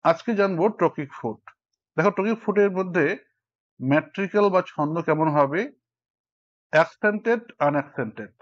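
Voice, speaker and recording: Male tutor, slightly high voice, counts syllables aloud, dull muffled audio. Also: expressive, moderate pace, pauses often. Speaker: teacher. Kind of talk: explanatory lesson. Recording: dull lo-fi recording.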